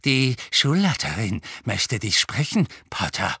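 A man's voice: fairly low pitch, sing-song, unhurried, bright, forceful tone, slightly rough, dry recording, clean studio sound, exaggerated voice. A man voicing a spiteful, gloating old male school caretaker in an audiobook. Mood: sneering. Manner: gloating, cackling, menacing.

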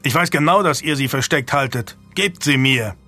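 A man's voice: mid-range voice, moderate pace, sharp tone, faint music behind. A man reading an audiobook voices a brutal, foul-tempered knight who growls threats. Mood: menacing.

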